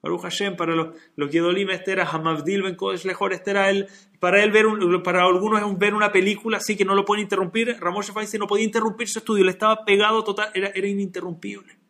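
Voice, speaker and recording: Male Torah teacher, somewhat high, gravelly voice, lively storytelling. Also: quick pace. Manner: animated, acts out dialogue in story. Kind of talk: religious lesson with storytelling.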